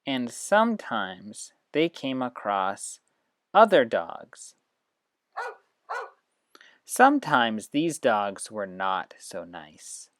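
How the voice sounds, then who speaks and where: An educator demonstrates reading apps in a casual, explanatory screen demo with read-aloud passages, using a mid-range, slightly bright voice with big pitch swings. Words are drawn out and there are long pauses, and there's no room sound.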